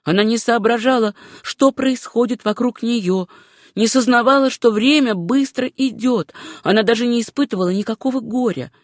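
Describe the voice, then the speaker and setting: A woman narrating a novel as an audiobook, reading in a measured, unhurried way. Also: on the high side, no room sound, clean studio sound.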